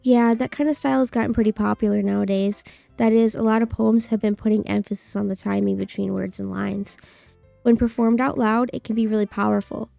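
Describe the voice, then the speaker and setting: A woman streamer voicing a gentle, thoughtful schoolgirl poet who leads a club in a visual novel game, calm and encouraging. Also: mid-range voice, fairly quick, creaky, dry recording, faint music behind. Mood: gentle, shy.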